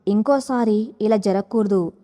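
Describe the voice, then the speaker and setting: Woman doing a strict bossy husband, calm voice but sharp, never shouts, audio story. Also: medium pitch, a little slow, big-room sound, close to an everyday voice. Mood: irritated. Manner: quiet commanding tone, never raised. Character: stern controlling young husband, cold and calm.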